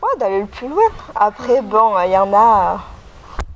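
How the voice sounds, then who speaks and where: A woman's voice: mid-range voice, unhurried, dull audio, a little hiss or hum. A woman, a gymnastics coach, chatting casually in an interview in a large indoor gym, recorded on the camera microphone. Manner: chatty, relaxed answers with fillers.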